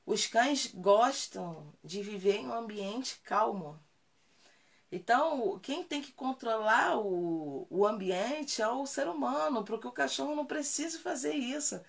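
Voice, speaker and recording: A woman's voice: on the high side, expressive, a little slow, creaky. A woman dog trainer talking casually in a live Q&A, answering viewer comments and repeating key points for emphasis.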